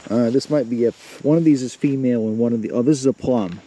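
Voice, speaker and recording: A middle-aged man with a mid-range, dark-toned voice films a casual walking vlog around his rural yard, talking quickly and a little out of breath. His speech is rambling, plain-spoken, and full of fillers, with faint outdoor noise and crickets in the background.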